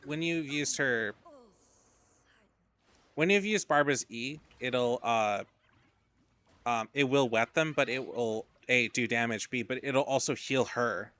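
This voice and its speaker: A man talks through his gameplay in loose, wandering commentary, with plenty of casual swearing. His voice has a bright, forward edge, and he sounds tired. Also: mid-range voice, unhurried, pauses often. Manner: rambling, profane, drowsy asides. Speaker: game streamer.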